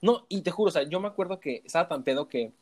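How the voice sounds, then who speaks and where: A man's voice: high voice, lively intonation, fast talker, a little mellow, husky. A young man with a Mexican Spanish accent, hosting a podcast in casual chat and laughing often as he tells stories. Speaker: podcast host.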